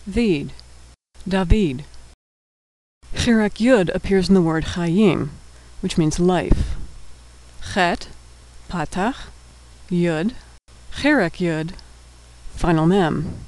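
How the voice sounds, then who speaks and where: In a low-quality recording, a man with a fairly high voice guides a language lesson. He's patient, breaking each word into syllables the way a teacher would at a whiteboard.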